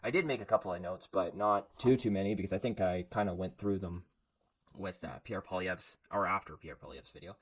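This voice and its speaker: A man from Canada giving casual, sarcastic reaction commentary on a political video, rambling and stressing words in loud bursts. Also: deep voice, brisk.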